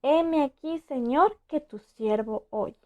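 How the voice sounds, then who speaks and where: A woman's voice: high voice, slow, dark tone, lo-fi sound. Samuel, an earnest young boy, read by a woman.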